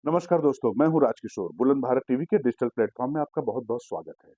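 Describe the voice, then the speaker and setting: A man's voice: medium pitch, animated, racing, dry recording, dull audio. A man hosting a digital political news show, giving assertive commentary and explaining a clip to viewers.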